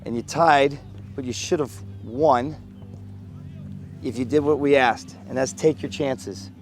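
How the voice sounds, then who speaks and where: A man's voice: mid-range voice, unhurried, faint music behind. A man, a soccer coach, giving his players a blunt, critical team talk.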